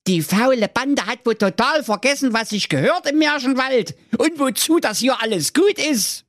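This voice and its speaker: A man's voice: fairly high pitch, sing-song, a little slow, no echo, studio quality, pitched above the performer's own voice. A man voicing an irritable, blustering old fairy-tale brother who scolds in cranky outbursts. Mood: scolding.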